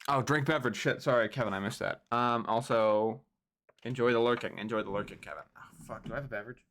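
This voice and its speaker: A man's voice: mid-range voice, fast, fairly bright tone, a little hiss or hum. A young man livestreaming, ranting casually and profanely as he rates a list.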